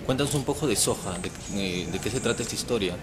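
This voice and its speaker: A man interviewing filmmakers with brisk, short questions outdoors. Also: fairly low pitch, noisy background.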